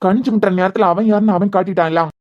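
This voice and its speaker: A woman's voice: medium pitch, lo-fi sound, natural voice. A woman voicing an injured young husband in a cartoon, talking bluntly and teasingly in a Kanyakumari Tamil accent. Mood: angry. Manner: blunt, teasing, quick talk. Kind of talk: cartoon voice acting.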